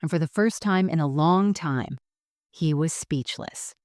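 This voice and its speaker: A woman narrating a first-person story in a calm, measured, composed way. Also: sits low, no room sound, studio quality.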